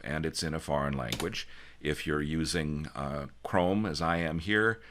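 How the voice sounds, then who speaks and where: A man's voice: very deep voice, a bit bright, slight background noise. A man hosting an online user group meeting, casual and joking, with frequent ums and restarts, heard over a video call. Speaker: user group organizer and host.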